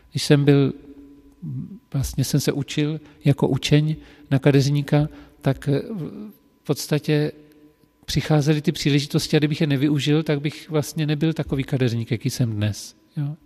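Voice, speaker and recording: Mellow-voiced male hairdresser telling stories. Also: medium pitch, big-room sound. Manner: animated and lively when telling anecdotes, with frequent fillers. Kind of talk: casual personal storytelling.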